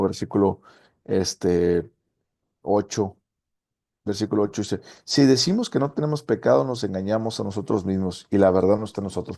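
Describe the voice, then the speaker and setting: A gravelly, husky male pastor leads a Bible study, reading verses aloud and checking with his listeners as he goes. His low, dark-toned voice rises and falls as he preaches with animation. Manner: animated preacher, asks rhetorical questions and reads verses aloud.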